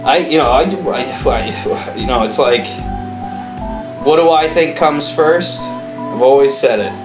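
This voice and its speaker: A man's voice: mid-range voice, measured pace, roomy sound, music in the background. A man co-hosting a podcast, turning mock-defensive and earnestly lecturing in comedic banter. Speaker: podcast co-host.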